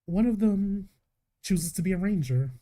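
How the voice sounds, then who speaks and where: A man narrating a live tabletop game as game master, telling the story calmly and slipping into short in-character lines. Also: high-pitched, measured pace. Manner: calm storytelling with in-character asides.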